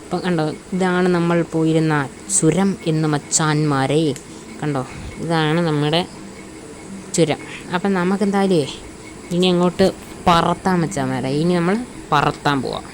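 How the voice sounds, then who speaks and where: This woman gaming host, with a Malayali accent, offers casual gameplay commentary in a Malayalam-English blend, chummily calling viewers buddies. Her deep, steady voice is a little slow with long pauses, over a little hiss or hum.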